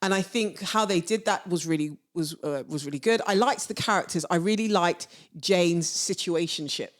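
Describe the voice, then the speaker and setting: A woman co-hosts a casual film review chat. She gets animated and laughs often, repeating words as she goes. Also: lowish voice, normal speed. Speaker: film review podcast co-host.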